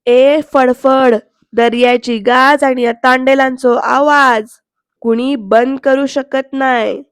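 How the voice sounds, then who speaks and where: A woman voicing a domineering older village matriarch who speaks in slow, defiant threats. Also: high-pitched, flat delivery, dry recording, clean studio sound.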